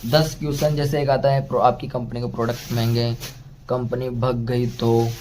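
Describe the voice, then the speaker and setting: A man's voice: medium pitch, flat delivery, normal speed, darkish tone, slight background noise. A man giving a motivational sales training talk, calling the listener "friend" and going through numbered steps one by one. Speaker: network marketing trainer.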